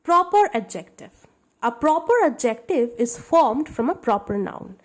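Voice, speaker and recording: A woman's voice: fairly high pitch, expressive, moderate pace. A woman teaching a grammar lesson to schoolchildren, explaining patiently and checking that they understand.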